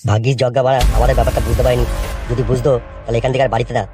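A man voicing a bossy, foul-mouthed small-time thug in a Bengali comedy cartoon, barking orders rapidly. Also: medium pitch, flat delivery, over music, close to an everyday voice.

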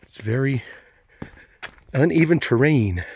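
A breathless older man with a husky, gravelly, slightly mellow mid-range voice narrates a casual hiking vlog on a rocky trail, filming with a phone held at arm's length. He talks slowly but with lively intonation, exclaiming folksily to himself in short bursts.

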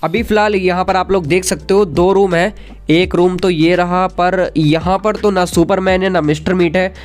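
A young man giving excitable, chatty game commentary voice-over, talking straight to his viewers. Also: high voice, moderate pace. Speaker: gaming video creator. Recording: faint background music.

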